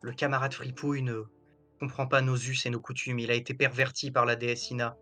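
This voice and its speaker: A man voicing an ancient cat god speaking solemnly from beyond the grave, like a deep underworld deity, in a tabletop game. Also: little pitch movement, fairly quick, pushed and bright, soft background music, close to an everyday voice. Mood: solemn, measured. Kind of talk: tabletop role-play acting.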